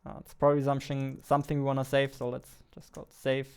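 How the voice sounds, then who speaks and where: Quick and entirely flat in delivery, a young man narrates his indie game work at his computer desk indoors, joking and mocking himself as he thinks aloud in a vlog. His voice is medium in pitch, a little mellow and clean.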